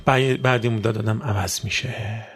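A man preaching a sermon to a religious gathering, asking rhetorical questions and rising sharply in pitch and volume. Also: steady tone, husky. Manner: rhetorical questions, sudden loud rises in pitch.

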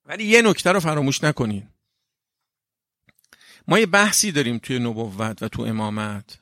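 A man's voice: mid-range voice, animated, pushed and bright, no echo, clean studio sound. A man preaching a religious sermon in an emphatic, repetitive way, often checking with listeners. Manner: emphatic, repetitive, asks the audience "right?". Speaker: cleric.

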